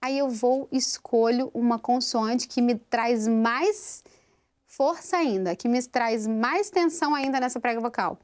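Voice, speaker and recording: A woman's voice: a little high, measured pace, darkish tone. A woman teaching a vocal technique lesson, explaining step by step and asking rhetorical questions. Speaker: singing teacher.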